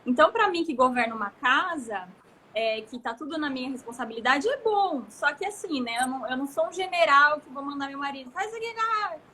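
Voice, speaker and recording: A woman in her thirties with a Brazilian Portuguese accent, a guest in a casual live conversation, telling stories in an expansive, animated way. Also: sits high, a little fast. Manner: expansive, gesturing, animated storytelling.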